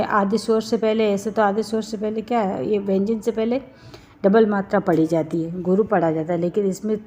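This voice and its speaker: Walking through Hindi grammar step by step, a woman teacher poses questions to the class as she explains. She speaks in a dark, mid-range voice, and the recording sounds dull and a bit lo-fi.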